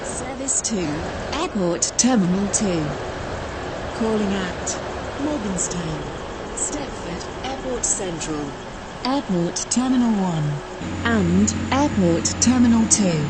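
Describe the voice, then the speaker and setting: Woman doing a train station announcement, slow n formal, train noise all around. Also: medium pitch, expressive. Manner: formal, measured, segmented phrases. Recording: noisy train ambience over station speakers. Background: train and platform noise.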